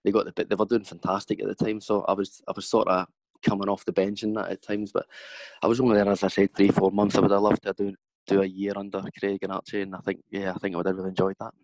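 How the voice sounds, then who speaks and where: A man's voice: low-pitched, completely flat delivery, fast, darkish tone, dry recording, rough recording. A man in his thirties with a broad Scottish accent, chatting casually as a former footballer being interviewed about his career. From Scotland.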